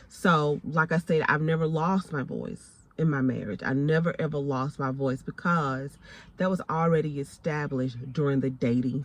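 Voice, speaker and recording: A deep-voiced Southern American woman in her forties, a faith and lifestyle vlogger, gives a faith talk to camera. She's emphatic and preacherly, repeating phrases for stress and calling her listeners honey.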